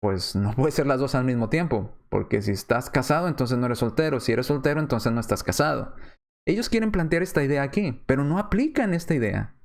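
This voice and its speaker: A man preacher giving an apologetics lesson, methodical, asking rhetorical questions and repeating his points slowly. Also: medium pitch, animated, gravelly.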